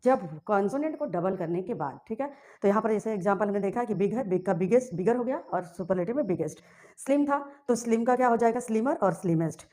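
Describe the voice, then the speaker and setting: A woman's voice: medium pitch, animated, fast, mellow. A woman teaching English grammar, asking herself questions and answering them, and spelling words out letter by letter. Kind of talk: classroom grammar lesson.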